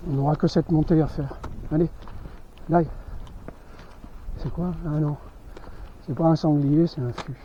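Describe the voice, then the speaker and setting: A vlogger traveling with animals gives chatty, casual running commentary while walking through a rural village and countryside, talking to his animals. His voice is on the high side, steady, and slow, with long pauses. The lo-fi outdoor audio sounds dull, with faint noise.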